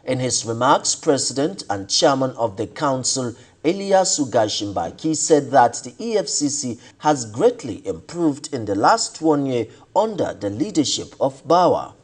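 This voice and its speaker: A man with a Nigerian English accent reading a scripted news report in a measured, formal way. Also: medium pitch, sing-song, slight background noise.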